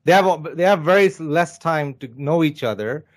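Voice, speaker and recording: A man's voice: a little high, fairly quick. A man in his thirties interviewing over a video call with a headset, casual and agreeable, often affirming. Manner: agreeable, frequent backchannel affirmations.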